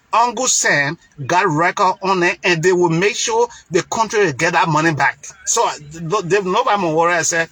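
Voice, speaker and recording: A political commentator from Liberia, speaking with a Liberian accent, delivers a fervent, sermon-style monologue on politics, repeating phrases to drive points home. His voice is high-pitched and sharp, the recording low in quality with no echo.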